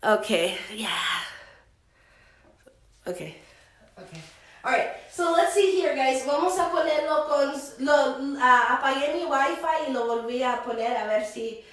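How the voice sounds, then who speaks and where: High-voiced woman teaching English, echoey room. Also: expressive, a bit bright, slight background noise. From United States. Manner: switches between Spanish and English, slows way down for example sentences. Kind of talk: live-streamed English lesson. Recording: echoey room, voice a little far from the mic.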